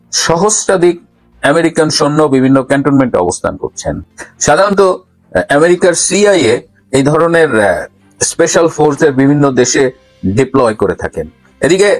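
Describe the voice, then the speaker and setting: A man's voice: medium pitch, no room sound, poor audio. A man giving political news commentary, arguing point by point and posing pointed questions, with frequent hesitations.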